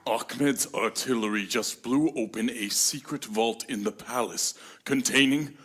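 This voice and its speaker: A man playing an excited palace messenger in a theatrical musical parody. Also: mid-range voice, measured pace. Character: excited male palace messenger bringing news.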